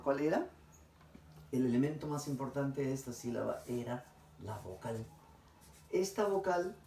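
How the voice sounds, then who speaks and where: Echoey teacher. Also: male voice, on the high side, creaky, mellow, distant mic, slight background noise. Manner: asks questions, pauses, then answers them himself with praise. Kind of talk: recorded classroom lesson. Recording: roomy echo, voice away from the mic.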